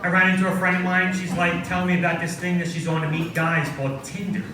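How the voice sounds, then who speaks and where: A man's voice: sits high, level tone, fast talker, a crowd in the background. Echoey middle-aged man doing stand-up. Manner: self-deprecating punchline delivery. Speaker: stand-up comedian. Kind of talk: stand-up comedy set. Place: coffee house stage. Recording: very echoey room, far mic, audience noise.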